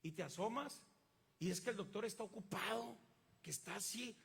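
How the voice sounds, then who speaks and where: A man's voice: high-pitched, normal speed, gravelly, fairly bright tone, breathy edge, long reverb tail. A man with a Mexican accent preaching a sermon, emphatic and drawing the congregation in with call-and-response questions. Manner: emphatic, asks the congregation to fill in words. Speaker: pastor.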